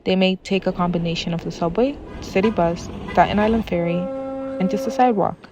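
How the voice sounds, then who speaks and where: A teenage girl reading a scripted personal essay in a calm, reflective voice. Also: on the low side, a little fast, noisy background. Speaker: student reporter. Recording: dull lo-fi audio with faint music.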